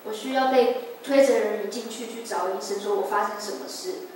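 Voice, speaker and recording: A woman in her 20s speaks briskly at medium pitch, sharing a heartfelt, emotional testimony during a church service in the sanctuary. A distant mic picks her up in the echoing hall along with faint noise.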